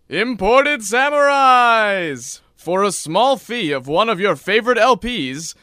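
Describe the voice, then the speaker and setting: A man's voice: bright, forceful tone, no echo, clean studio sound, heavily acted. A man doing a hard-sell announcer voice in a spoof infomercial within a radio comedy. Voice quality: hard-sell, booming salesman delivery. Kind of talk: mock infomercial pitch.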